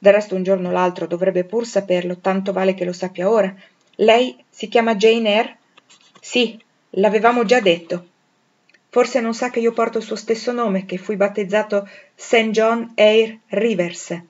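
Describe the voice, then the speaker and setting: A woman's voice: medium pitch, steady tone, normal speed, natural voice. A woman voicing a stern, reserved young male pastor who talks coolly and evasively, with dry irony. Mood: yielding. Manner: cool, evasive, dryly ironic. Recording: dull lo-fi recording.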